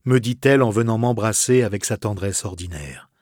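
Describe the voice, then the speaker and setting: A man reading a classic novel aloud as narrator, expressive and softly dramatic. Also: lowish voice, fairly quick, dry recording, clean studio sound. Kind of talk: literary audiobook reading.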